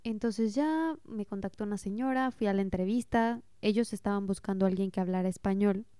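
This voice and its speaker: A young Mexican woman with a Mexican accent tells stories in a relaxed, chatty way and pokes fun at her own mistakes. Her voice is mellow and smooth, and it sounds dry and close, with no room around it. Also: medium pitch, a little fast, no echo. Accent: Mexican Spanish. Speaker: vlogger sharing language-learning stories. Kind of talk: casual storytelling monologue.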